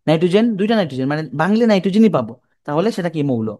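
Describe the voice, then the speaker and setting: In a dry recording, a young Bangladeshi Bengali-accented man teaches chemistry with a fairly high, very animated, rapid-fire voice of dark tone. His manner is informal and repetitive: he repeats terms, speaks colloquially, and answers the questions he asks students.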